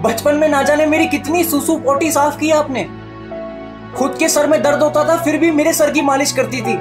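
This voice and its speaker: A man's voice: extremely high pitch, steady tone, moderate pace, music in the background. Sarcastic young man in a comic sketch. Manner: exasperated, sarcastic comic delivery. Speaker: comedian playing the son.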